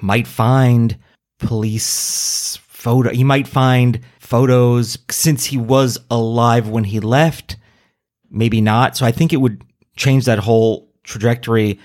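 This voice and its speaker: A man's voice: mid-range voice, steady tone, slow, a little mellow. A man co-hosting a podcast who talks casually, thinks aloud hesitantly, and is self-deprecating. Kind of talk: casual conversation.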